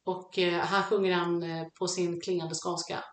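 A woman speaks in a slightly low voice, pausing often as she gropes for the right words. Her talk is a relaxed, thoughtful chat about music. The sound carries noticeable room echo. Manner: halting and reflective, searching for words. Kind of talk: casual chat about songs. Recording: echoey room.

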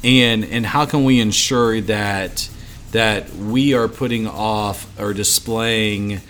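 A man's voice: fairly low pitch, steady tone, slow pace, a bit bright. A man hosting a ministry podcast in casual chat, rambling and repeating words as he restarts his thoughts. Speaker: podcast host for ministry assistants.

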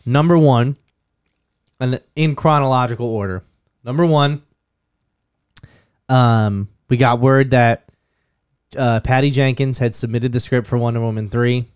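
A man's voice: medium pitch, steady tone, measured pace, pauses often, a little mellow, clear, resonant tone, no room sound, studio quality. A young man hosting a casual podcast, joking and swearing loosely, his voice thick with phlegm. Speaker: podcast host.

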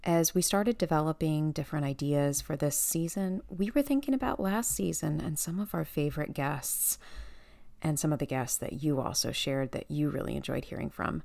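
A woman's voice: low voice, moderate pace, gravelly, darkish tone, no room sound, clean studio sound. A woman hosting a podcast, delivering a prepared introduction to listeners. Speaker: podcast host.

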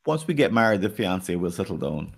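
Deep, gravelly and husky, this man's voice has a sing-song lilt and runs a little fast. He hosts a casual podcast with a Jamaican accent, reflecting earnestly on topics and occasionally speaking straight to the audience.

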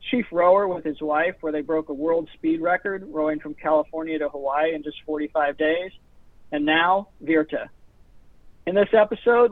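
A man's voice: on the high side, no room sound. Male podcast host on a narrow line. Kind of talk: interview podcast. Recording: phone-like narrow sound.

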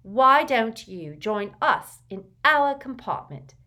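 A woman voicing a bold, confident teenage schoolgirl who talks loudly. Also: fairly high pitch, sing-song, slow, pitched above the performer's own voice, exaggerated voice. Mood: brash. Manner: loud, confident.

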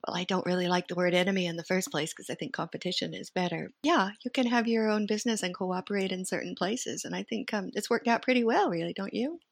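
Talking fast with few pauses, this middle-aged American company founder, linked to the United States and Sweden, has a creaky, medium-pitched voice. As a guest in a casual conversational interview she speaks freely, thinking aloud with fillers. There's no room sound.

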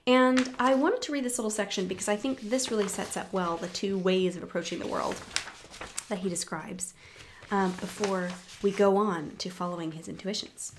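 A woman presenting a book discussion, reading passages aloud and explaining them in a thoughtful, measured way with asides and fillers. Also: medium pitch, slight background noise.

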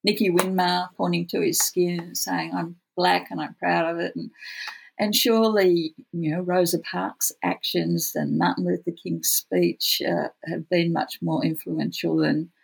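An Australian speaker with a gravelly, husky voice who says w for r, talking reflectively as an interview guest. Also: medium pitch, flat delivery, unhurried, poor audio. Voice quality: cannot pronounce R's well, says w for r. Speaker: podcast guest, futurist researcher.

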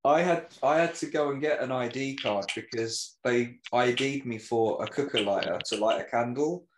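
A man in his forties co-hosting a podcast, talking haltingly with many fillers. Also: medium pitch, roomy sound, a little hiss or hum, low-quality recording. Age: 40s. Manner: halting, full of fillers and restarts. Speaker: podcast co-host. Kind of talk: casual podcast chat.

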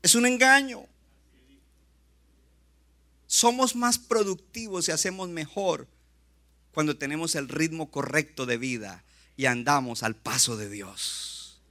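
Bright-voiced man preaching with animation. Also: a little high. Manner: animated preaching, acts out quick asides. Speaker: pastor. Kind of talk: sermon.

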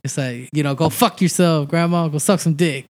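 A young stand-up comic from El Salvador talks loosely as a guest on a casual podcast, swearing and laughing a lot. His voice is fairly high and a bit dark, at normal speed, with no room sound.

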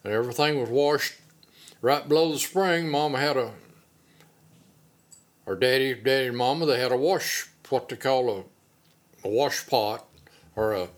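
A man's voice: mid-range voice, unhurried, pauses often. Old appalachian guy chatting about the old days, country way of talking, plain mid voice. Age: older. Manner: folksy rural phrasing. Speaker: interviewee recalling childhood. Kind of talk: casual oral-history reminiscence.

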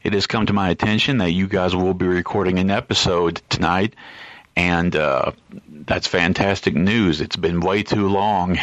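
A man leaving a voice message for a podcast, polite and measured, with frequent "uh" fillers, heard as a recorded message played back. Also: sits low, steady tone, fairly bright tone, no echo. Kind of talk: casual spoken message. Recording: dull lo-fi voicemail audio.

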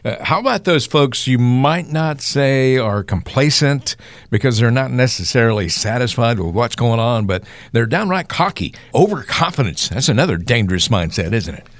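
A man co-hosts a radio show in a friendly announcer manner, reading out the call-in number and asking the host prompting questions. His voice sits at a middle pitch, and the studio sound is dry and close. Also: lively intonation, moderate pace, no room sound. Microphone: studio mic.

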